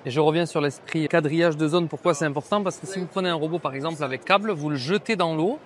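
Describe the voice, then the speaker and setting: A French-accented man with a fairly high voice vlogs quickly from a large indoor trade fair hall, reviewing pool robots. He's enthusiastic and slangy, addressing his viewers directly in a casual style.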